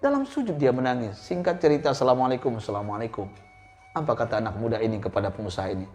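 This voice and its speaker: Male preacher, storytelling sermon; lively swinging delivery, talks straight to the congregation; soft music underneath. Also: very fast. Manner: animated, swinging pitch, addresses listeners directly.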